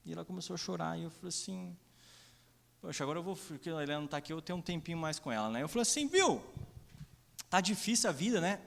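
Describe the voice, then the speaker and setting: A man's voice: on the high side, very fast, vocal fry. A young adult Brazilian man preaching a sermon, telling personal stories and acting out the dialogue. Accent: Brazilian Portuguese. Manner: storytelling, acts out dialogue, many "né?" asides. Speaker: pastor. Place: church sanctuary. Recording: long reverb of a church hall.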